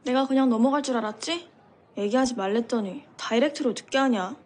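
A young actress playing a dry, blunt female student in a TV drama, tossing off deadpan retorts. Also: on the high side, fast, lightly acted. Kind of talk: TV drama acting.

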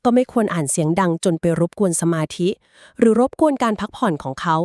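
A woman co-hosting a podcast, calmly and patiently explaining things step by step. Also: mid-range voice, brisk, dry recording, clean studio sound. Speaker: podcast co-host explaining Quran etiquette.

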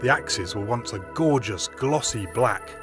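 A man's voice: mid-range voice, lively intonation, unhurried, over music. A man presenting a documentary walking tour, narrating and interviewing with marvelling enthusiasm on open downland. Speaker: landscape archaeologist presenter.

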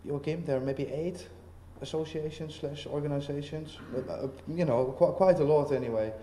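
This is a casual panel talk at a festival venue, where a visiting artist speaks in a slightly high, warm voice. He is hesitant, restarting often and leaning on fillers. The sound is that of a roomy hall with faint noise.

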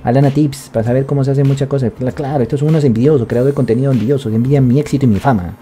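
Excitable male streamer, very dark voice, rambling swear-heavy chat over faint music. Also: medium pitch, racing, a little hiss or hum. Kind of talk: casual live-stream chat.

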